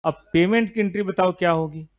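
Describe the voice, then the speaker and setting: Lively man teaching a class. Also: high voice, brisk, lo-fi sound. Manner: lively, scolding students, mixes Hindi and English terms. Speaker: accounting teacher. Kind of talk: classroom lecture.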